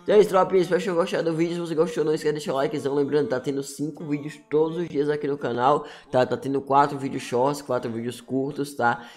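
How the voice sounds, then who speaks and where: A man's voice: fairly high pitch, level tone, rapid-fire, hardly any pauses, a little mellow. A Brazilian man giving casual, chatty, slangy gaming news, his voice slightly choked by swollen, inflamed tonsils or throat. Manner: chatty, slangy, peppering sentences with tags. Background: music.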